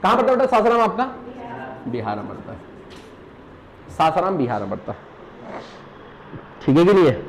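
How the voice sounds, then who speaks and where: Lively Pahari man quizzing his students. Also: high-pitched, fast, long pauses, a little hiss or hum, poor audio. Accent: Pahari-tinged Hindi. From Uttarakhand hills. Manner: repetitive, quizzing students with rhetorical questions; calls students "beta", jokes and laughs while teaching. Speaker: teacher. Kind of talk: live exam revision class.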